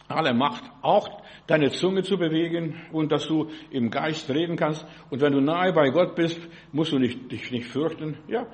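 A man preaching a sermon, speaking straight to the listener as "du" and dropping a "ja" between his phrases. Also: a little high. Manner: addresses listener directly as "du".

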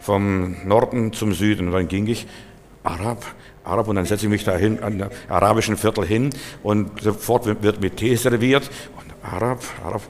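A man from Germany preaching a sermon, lively and emphatic, telling anecdotes. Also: lowish voice, normal speed, long reverb tail, a little hiss or hum.

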